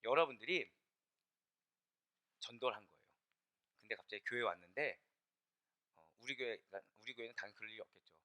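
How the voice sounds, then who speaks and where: Man, pastor, sermon, bright tense tone, rhetorical questions, loud-to-whisper swings. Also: medium pitch, brisk, long pauses. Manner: dramatic swings between loud declaiming and hushed near-whispers; asks the congregation frequent rhetorical questions.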